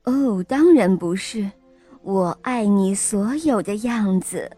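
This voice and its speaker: A woman voicing a gentle, loving mother rabbit in a storybook, soft and soothing. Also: mid-range voice, lively intonation, slow pace, faint music behind. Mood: tender.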